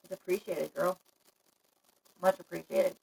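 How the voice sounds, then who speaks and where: A woman's voice: on the low side, unhurried, creaky, darkish tone, husky, poor audio. A woman live-streaming a casual chat to her viewers, talking frankly and laughing often. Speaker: livestream vlogger.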